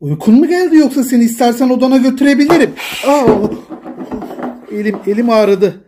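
Father pleading over and over to calm down. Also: very high voice, a little fast, background noise. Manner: pleading, repeats short calming commands, gently scolding. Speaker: father filming his daughter at play. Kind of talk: casual home video.

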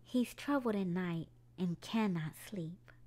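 Slow and dark-toned, with a pitch on the low side, this woman reads a picture book expressively to young children at a storytime. Music accompanies her in the background.

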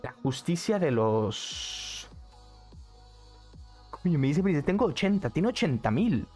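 A man's voice: fairly high pitch, very animated, takes it slowly, darkish tone, faint music behind. A young man, chatting casually on a live stream from a neon-lit bedroom, repeating phrases and reading the chat aloud. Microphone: studio mic on arm, headset.

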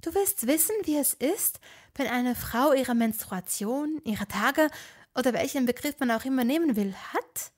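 A woman's voice: high-pitched, animated, measured pace. A woman voicing an earnest, clever young witch in a fan audio drama. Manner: earnest, explaining, easily indignant.

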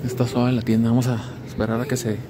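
A man's voice: mid-range voice, little pitch movement, fast talker. A young man with a Mexican Spanish accent, chatting casually while filming in a small grocery store on a handheld camera. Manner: chatty, conversational, wandering asides. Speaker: vlogger, snack maker. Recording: noisy shop background.

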